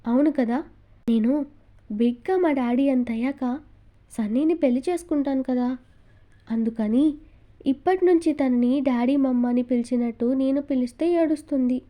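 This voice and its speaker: A woman's voice: high voice, normal speed, long pauses, warm tone, close to an everyday voice. A woman voicing an indignant, cheeky little boy with a childish manner.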